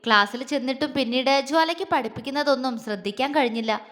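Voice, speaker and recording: A woman's voice: sits high, fast talker, a bit bright. A woman storyteller in scripted narration, reading expressively and acting out the characters. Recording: long reverb.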